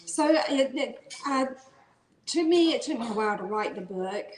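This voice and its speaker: Recorded in an echoey room, this woman from North Carolina speaks with a Southern accent at a moderate pace and a pitch on the high side. As an author guest in an interview, she is relaxed and chatty, with fillers and restarts.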